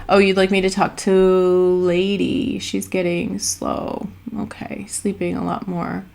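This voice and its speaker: A woman's voice: on the low side, monotone, takes it slowly, vocal fry, darkish tone. Stuffy-nosed woman hosting a live stream. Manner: chatty, greets viewers in the chat by name. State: stuffy from allergy. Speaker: host of an animal communication live stream. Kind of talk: casual live-stream chat.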